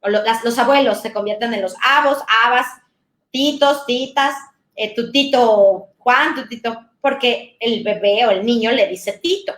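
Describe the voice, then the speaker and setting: A woman talks to parents as a speech therapist, warm and conversational, giving plenty of examples. Her voice sits a little high. The room echoes around her. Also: unhurried. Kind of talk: talk to parents.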